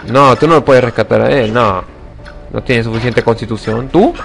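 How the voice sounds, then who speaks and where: A young man giving casual let's-play commentary, excitable and swearing, shouting when attacks miss. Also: mid-range voice, normal speed, creaky, soft background music. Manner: excitable, swears a lot, sudden shouts at misses. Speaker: gaming channel host.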